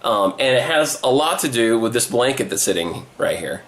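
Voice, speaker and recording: A man speaking as a podcast host in a casual behind-the-scenes vlog, informal and halting, with a self-deprecating manner, recorded in an apartment hallway. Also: mid-range voice, expressive, fairly bright tone, a little hiss or hum. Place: hallway of an old high-ceilinged apartment.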